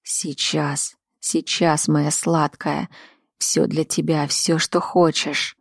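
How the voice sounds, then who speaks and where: A woman voicing a desperate, pleading adult man, murmuring in a hushed, slow way. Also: fairly low pitch, flat delivery, no room sound, clean studio sound. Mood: soothing.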